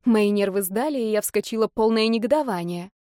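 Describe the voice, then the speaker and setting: A woman narrating a first-person fantasy novel in a steady, measured way. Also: mid-range voice, no room sound, clean studio sound. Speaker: audiobook narrator.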